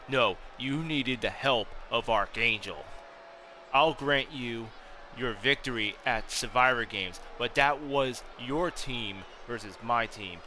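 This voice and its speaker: A man voicing a scheming, villainous wrestling challenger who taunts his rival in a slow, menacing way. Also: mid-range voice, bright, forceful tone, slight background noise. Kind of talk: hobby wrestling storyline role-play.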